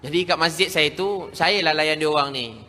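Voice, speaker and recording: Male preacher, Malaysian Malay accent, fairly high voice, emphatic storytelling sermon, long hall reverb. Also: normal speed, pushed and bright. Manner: emphatic, repeats phrases for stress.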